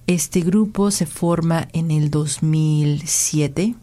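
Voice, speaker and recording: Female host, low and mellow voice, asks rambling questions with fillers. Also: extremely slow. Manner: long, winding questions with filler sounds. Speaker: interview host. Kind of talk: interview questions.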